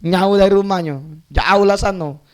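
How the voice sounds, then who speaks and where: A male preacher with a Palembang Malay accent tells a story from the pulpit. His voice is high and his delivery is animated, and he slips into the characters' voices as he goes. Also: normal speed. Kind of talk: sermon storytelling. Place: mosque gathering.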